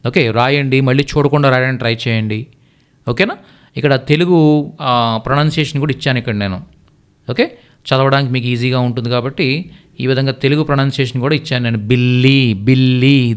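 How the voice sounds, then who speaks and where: Male hindi teacher, mid-pitched voice, slow repeated words, calm classroom explaining. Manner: repetitive, patient, drops voice on closing phrases. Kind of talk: explaining lesson.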